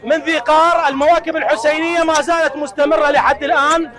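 A man with an Iraqi accent reporting live and asking brisk questions outdoors at a crowded procession. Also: very high-pitched, flat delivery. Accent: Iraqi Arabic. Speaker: field reporter. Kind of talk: live broadcast interview. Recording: crowd noise behind.

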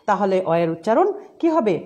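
Lively teaching woman. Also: medium pitch, a little fast, highs cut off. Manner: explains rules step by step, repeats examples, asks questions. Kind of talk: online class lesson.

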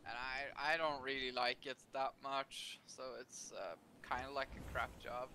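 A man in his twenties chatting casually over game voice chat in English, relaxed and hesitant, with many fillers and curses. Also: mid-range voice, measured pace, slight background noise. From Norway. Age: 20s. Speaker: random teammate in an online game.

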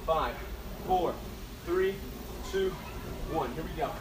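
A man's voice: a little high, slow. A man in his thirties coaching like an aerobics instructor while exercising, with short urging cues and countdowns, recorded on an outdoor porch by a distant camera. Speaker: fitness instructor. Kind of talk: aerobics instructor leading a timed workout. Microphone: camera several metres away. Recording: echoey, noisy, distant camera microphone outdoors.

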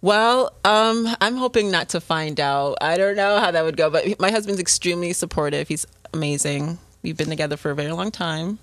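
A woman's voice: on the low side, a little fast, hardly any pauses. A young woman from Connecticut, a guest on a radio show, chatting in a friendly, upbeat way. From Connecticut, USA. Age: young adult. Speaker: guest model. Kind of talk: casual radio interview. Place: radio studio. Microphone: studio microphone with headphones.

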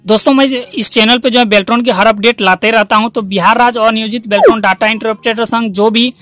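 A YouTube channel host with a high-pitched, steady, slightly bright voice talks fast as he gives viewers an informational update, repeating himself in an instructional way. There's no echo, and background music plays under his voice.

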